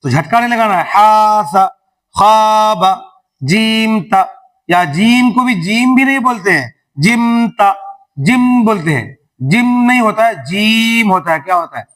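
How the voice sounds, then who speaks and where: High-voiced man drilling a reading lesson. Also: expressive, fairly bright tone, low-quality recording. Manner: repetitive call-and-response drilling; drawn-out syllables when modeling letters. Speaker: Quran reading teacher. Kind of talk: classroom lesson.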